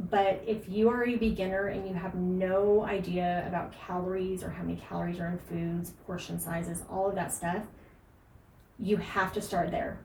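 A woman's voice: mid-range voice, darkish tone, reverberant. Woman fitness podcast host, emphatic and earnest, distant mic with faint noise. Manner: emphatic, earnest, frequent fillers and laughs. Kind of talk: casual podcast advice.

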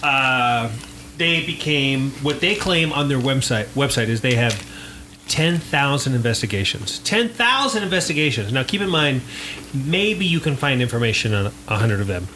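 A man's voice: medium pitch, animated, normal speed, pushed and bright, a little hiss or hum, low-quality recording. A man hosting a casual group podcast, chatty and joking, often laughing as he explains things. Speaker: podcast host.

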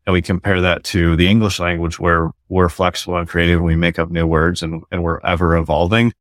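In a relaxed podcast chat, this U.S. guest author and founder of a company lays out his thinking with earnest intent, frequently starting sentences over. He speaks in a deep voice with a flat delivery, a little fast. The sound is clean studio audio with no room sound.

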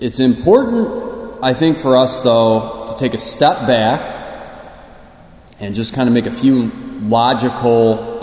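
A man reads the Gospel and preaches at a slow, deliberate pace, his voice sitting at an ordinary middle pitch. Every phrase rings out into a roomy church with a long cathedral echo that hangs behind his words. In the homily he slips into easy fillers while keeping his measured rhythm. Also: a little mellow. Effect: echoing church reverb. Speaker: priest. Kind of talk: Gospel reading and homily at Mass. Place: large church. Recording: roomy hall with long reverb.

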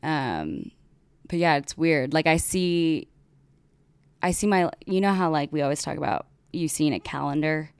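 A woman's voice: low voice, expressive, a little slow, gravelly, clear, resonant tone, no room sound. A young woman co-hosting a podcast in casual chat, chatty and full of fillers. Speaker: podcast co-host.

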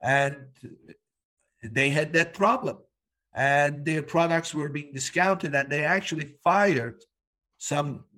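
A man's voice: fairly high pitch, fairly bright tone. Emphatic man repeating his points. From Turkey. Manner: emphatic, repeats key words. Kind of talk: casual business conversation.

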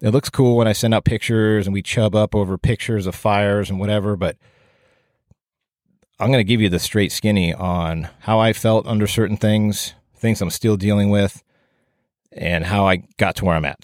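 A man's voice: fairly low pitch, no echo. A man giving an informal, rambling solo podcast talk in a plain-spoken, self-deprecating way, with audible breaths into a close microphone. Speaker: podcast host and firefighting instructor.

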